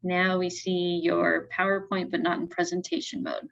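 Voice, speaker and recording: A woman's voice: on the low side, very animated, moderate pace, vocal fry, fairly bright tone. A woman co-hosting a webinar, speaking briefly and matter-of-factly over a remote video call. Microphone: remote video call mic. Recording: dull, distant call audio.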